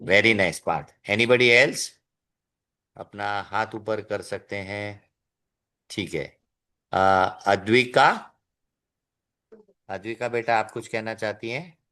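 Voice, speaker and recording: A man leads an online language lesson with slow, unhurried delivery. His voice is bright and pushed forward as he drags out sounds to model their pronunciation. He drops English phrases in as he talks, and the sound comes through a video call. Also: fairly low pitch. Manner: slow, drawn-out demonstration of pronunciation. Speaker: Sanskrit teacher.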